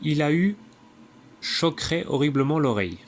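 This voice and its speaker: A man reading a classic text aloud in a measured way, now and then stumbling and correcting himself. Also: a little high, expressive, a little hiss or hum. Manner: measured, with occasional slips and self-corrections. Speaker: reader.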